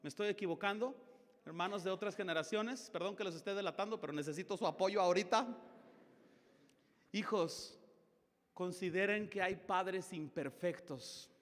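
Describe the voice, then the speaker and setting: A man's voice: high-pitched, normal speed, big-room sound. A middle-aged man with a Mexican Spanish accent preaching a sermon in a church, shifting his tone dramatically as he acts out little dialogues. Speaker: pastor.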